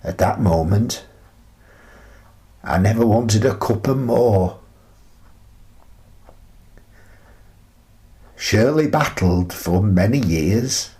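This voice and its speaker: Sorrowful yet tender, a male actor with a lowish, slightly mellow voice plays a wistful retired teacher and grandfather in his sixties. He tells his story in a reflective radio play monologue, measured and pausing between phrases.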